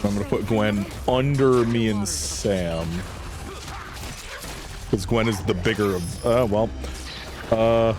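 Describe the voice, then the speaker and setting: A man's voice: lowish voice, takes it slowly, pauses often. A man hosting a live game stream with casual commentary, speaking in a blunt, informal, sweary way. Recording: game music behind the voice. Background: game music.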